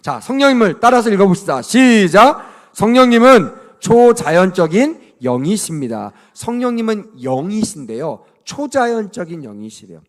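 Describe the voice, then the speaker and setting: Man, pastor, children's sermon, high voice, bouncy delivery, call-and-response. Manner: animated call-and-response, leads kids in reading aloud; asks the children frequent questions. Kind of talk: children's sermon at vacation Bible school. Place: church.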